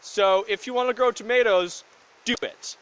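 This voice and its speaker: Bright, high-voiced young man, joking. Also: normal speed, clean tone, poor audio. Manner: upbeat, joking, rambling enthusiasm. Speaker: podcast co-host. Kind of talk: casual chat between brothers.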